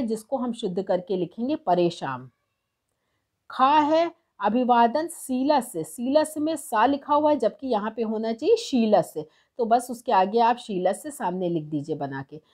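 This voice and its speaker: A woman teaching as a tutor, explaining textbook exercises step by step and slowing down to read verses aloud. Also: fairly high pitch, lively intonation, darkish tone. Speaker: Sanskrit tutor.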